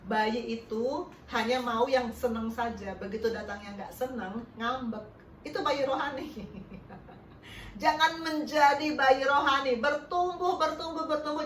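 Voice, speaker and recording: A middle-aged woman delivers a sermon, her voice high-pitched and animated, swinging from loud to soft with laughs between points. She is heard from some distance in an echoey church hall with a faint hum of room noise behind her. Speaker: preacher.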